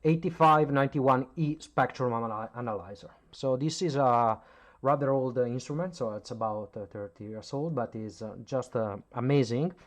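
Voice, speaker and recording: A hobbyist channel host from Italy, speaking with an Italian accent in a medium-pitched voice at normal speed, explains radio gear at his home workbench. It's a casual explanatory demo, delivered hesitantly with plenty of filler sounds.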